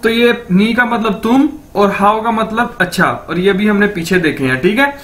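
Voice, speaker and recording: A man teaching a language lesson, repeating words slowly and often checking in with his students. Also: high-pitched, a bit bright. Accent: Urdu-speaking, Pakistani. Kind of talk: classroom-style lesson explanation.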